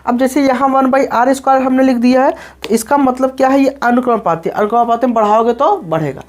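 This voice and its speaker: A man's voice: very high voice, fast. A male physics teacher lecturing a class, who repeats himself, asks questions and answers them, and often checks that the students follow. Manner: calls the students "children" and checks "okay?" often. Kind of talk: classroom lecture explaining graphs.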